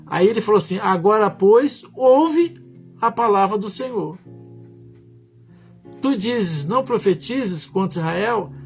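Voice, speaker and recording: A male pastor preaching a sermon, stressing words one by one and often clearing his throat. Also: sits high.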